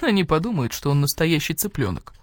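A woman voicing a small, fit male mini-pig who speaks tenderly and gravely to his wife. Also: deep voice, sing-song, a little fast, no echo, clean studio sound. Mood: earnest.

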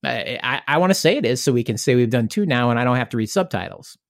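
Wry male co-host, medium pitch, dry studio mic. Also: expressive, fast, creaky, no echo. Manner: wry, steers the conversation. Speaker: podcast co-host. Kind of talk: casual chat.

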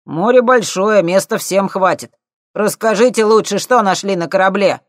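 A brash, scruffy young crook mouths off at a pair of scholars in this audiobook scene, as a male narrator puts him on. His voice sits high and runs loud and cocky, in a dry, close recording. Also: moderate pace, no echo, lightly acted.

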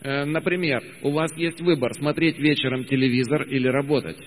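A man's voice: fairly high pitch, fairly even intonation, fairly quick, in a large hall, poor audio. A man interpreting a motivational talk phrase by phrase, hesitant, with frequent filler sounds and self-corrections. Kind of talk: consecutive interpretation.

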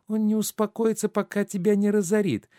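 A man reading a stage play aloud, voicing a middle-aged bourgeois wife who scolds her husband sharply, his voice pushed up high and loud. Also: steady tone, fairly quick, no echo, studio quality, natural voice. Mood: scolding. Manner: sharp, mocking, indignant.

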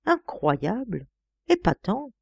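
A woman voicing a touchy old male police agent who talks gruffly and exclaims often. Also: on the high side, very animated, dark tone, no room sound, pitched above the performer's own voice, full character voice. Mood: astonished. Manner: gruff, exclamatory, quick to take offence.

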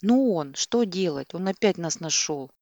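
A distraught young woman voiced by a female reader pleads and shouts in an audiobook, her voice pushed up high and loud. The sound is dry and close, with no room around it. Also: expressive, measured pace, no echo. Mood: frantic.

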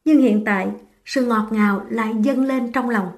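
A woman narrating a romance novel in a steady, even reading voice. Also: a little high, moderate pace. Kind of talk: scripted audiobook narration.

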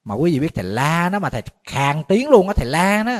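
Monk giving a dharma talk. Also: male voice, a little high, a little fast. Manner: conversational storytelling, animated when retelling shouting. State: a little tired. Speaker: Buddhist monk.

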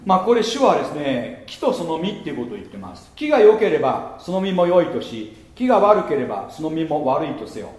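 A man preaching a sermon as pastor, lively and playful, slipping into muttered mocking asides. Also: a little high, brisk, few pauses, reverberant. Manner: lively, mutters mocking asides and laughs at his own jokes.

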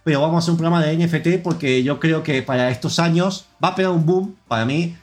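A man's voice: a little high, fast talker, darkish tone. A man with an Argentine accent hosting a podcast in casual chat, rambling and opinionated with lots of fillers. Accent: Argentine Spanish. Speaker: podcast host.

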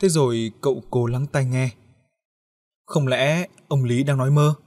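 A man's voice: mid-range voice, steady tone, measured pace, a little mellow. Man narrating a horror audiobook. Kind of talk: scripted horror story narration.

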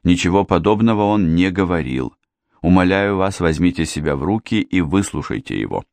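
A man reading a calm, gentle young niece. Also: deep voice, fairly quick, creaky, no echo. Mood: urging. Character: calm, kind young woman, the widow's niece.

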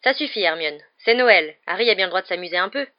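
Ron: a woman doing an excitable teenage boy. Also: lowish voice, fast talker, no room sound, lo-fi sound, close to an everyday voice. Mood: reassuring. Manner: eager and indignant.

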